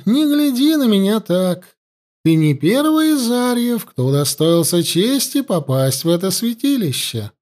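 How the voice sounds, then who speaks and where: Cruel high priestess, read by a man: high, lively, harsh and imperious. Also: full character voice. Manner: commanding, sneering, harsh. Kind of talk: audiobook character voice.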